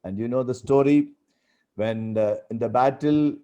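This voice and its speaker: Slow, dark-voiced preacher. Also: male voice, lo-fi sound, slight background noise. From India. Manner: emphatic, swings from loud exclaiming to low hushed appeals; acts out biblical voices in quotes. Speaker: guest preacher at a church youth meeting. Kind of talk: sermon.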